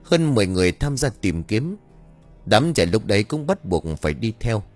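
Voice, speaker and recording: A man reads a story aloud with a lower-pitched voice that rises and falls freely. He narrates from a script with plenty of expression. Faint music plays softly behind him. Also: sing-song, normal speed, no echo. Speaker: audiobook narrator.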